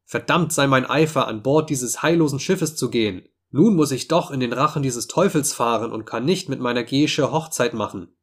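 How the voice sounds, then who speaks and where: A man reading a story voices a frightened, superstitious sailor with a slow, ominous way of talking. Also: medium pitch, natural voice. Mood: fearful. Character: fearful superstitious old sailor.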